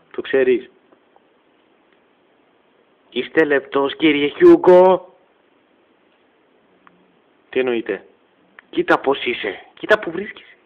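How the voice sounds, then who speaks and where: A man's voice: medium pitch, husky. A man doing a comic parody dub, switching between many put-on character voices in a teasing way. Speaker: parody voice actor. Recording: dull lo-fi home recording.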